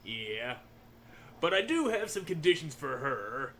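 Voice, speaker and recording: A man's voice: fairly high pitch, big pitch swings, measured pace, pushed and bright, a little hiss or hum. A man giving casual, slangy, joking commentary over a game he is playing. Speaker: gamer commentating on a playthrough.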